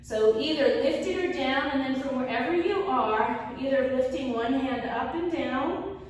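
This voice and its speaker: A woman's voice: high voice, measured pace. A woman teaching Pilates as an instructor, cueing and counting movements in short commands. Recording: echoey hall, distant mic, faint noise.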